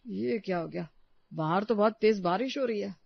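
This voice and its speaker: A woman's voice: mid-range voice, normal speed, gravelly, no echo. An irritable young husband from a storybook tale snaps back brusquely, played by a woman narrator. His voice is curt and tired. The recording is dry and a little muffled. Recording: dry, slightly dull recording.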